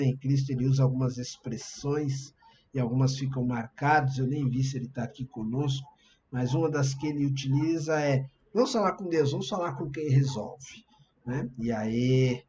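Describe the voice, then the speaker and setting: A man's voice: mid-range voice, dark tone, highs cut off, slight background noise. A man with a Brazilian Portuguese accent preaching a sermon in a conversational, explanatory way to an online congregation. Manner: conversational, explanatory, shares screen slides. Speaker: pastor.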